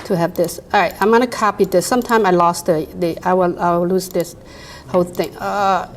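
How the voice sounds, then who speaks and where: Speaking English with a non-native accent, a woman leads a workshop before a live room, running a software demo, addressing the audience directly and laughing often. Her voice is lowish and brisk with fairly even intonation, and there's slight background noise.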